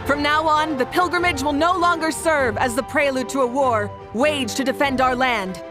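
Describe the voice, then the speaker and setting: A woman plays a commanding female leader from a video game, with a fairly high voice. She speaks with warm, measured assurance, as one used to addressing followers. Music plays clearly behind her. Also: lightly acted. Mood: rousing, solemn.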